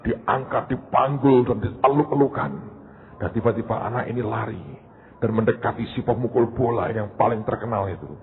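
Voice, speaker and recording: A male pastor who preaches by telling an animated story and keeps addressing his listeners directly. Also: mid-range voice, normal speed. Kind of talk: storytelling sermon. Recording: tinny phone-like sound.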